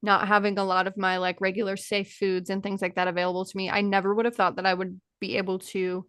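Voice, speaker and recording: A woman from the Cincinnati area talks through a live show with her co-host, chatty and earnest. Her voice sits mid-pitch and comes across close and dry, with no room sound. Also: little pitch movement, fast talker, fairly bright tone, clean tone, dry recording. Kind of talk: casual live-show chat.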